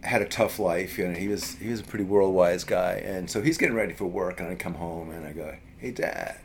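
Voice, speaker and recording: A man's voice: deep voice, fast talker, slight background noise. Rambling New man telling a story. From US East Coast. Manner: rambling, many fillers and restarts. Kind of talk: casual storytelling.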